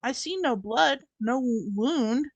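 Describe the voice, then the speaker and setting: A woman reading a high-voiced scorned young lady. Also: expressive, dry recording, highs cut off, full character voice. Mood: pleading. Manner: halting, restarting lines. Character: lovelorn young noblewoman, scorned and pleading. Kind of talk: amateur live-stream Shakespeare reading.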